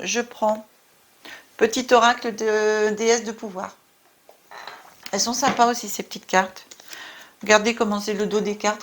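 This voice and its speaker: A woman with a French accent giving a casual spiritual card reading, chatty and full of fillers. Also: mid-range voice. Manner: warm, chatty, many fillers and asides. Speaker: tarot card reader.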